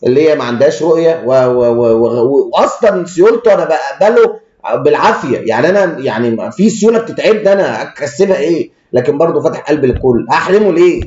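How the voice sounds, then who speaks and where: A man's voice: on the high side, expressive, fast, darkish tone, a little hiss or hum. A man with an Egyptian Arabic accent giving blunt, crude stock market commentary and stumbling over frequent restarts. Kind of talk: rapid technical market commentary. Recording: echoey room, dull lo-fi sound.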